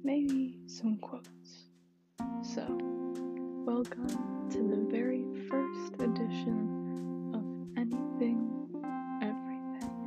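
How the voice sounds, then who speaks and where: A woman hosting a podcast, softly whispering her introduction and reading a play aloud, in a dull lo-fi recording. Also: a little high, steady tone, over loud music. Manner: soft, unhurried whisper. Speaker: podcast host and reader. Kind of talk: whispered ASMR-style reading.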